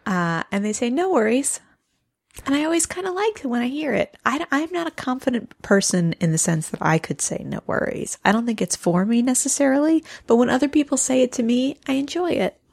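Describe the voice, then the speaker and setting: A woman's voice: sits high, animated, fairly quick, gravelly, hardly any pauses, a little mellow, no room sound, clean studio sound. A woman co-hosting a casual podcast chat, laughing often and sharing bits of research she looked up. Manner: giggly, shares little researched facts. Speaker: podcast co-host.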